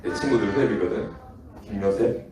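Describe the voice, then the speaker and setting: A man's voice: fairly low pitch, a little fast. A man with a Gyeongsang accent preaching to children, telling stories and acting out voices with frequent laughter, recorded in a church hall. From Daegu. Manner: lively, acts out quoted voices, laughs often. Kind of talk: children's sermon with storytelling. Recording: echoey hall from far off.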